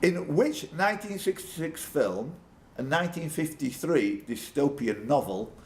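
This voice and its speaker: The man running this live pub quiz has a voice on the high side, animated and measured in pace. He reads each question aloud, then banters off the cuff with contestants as pub room noise carries on in the background.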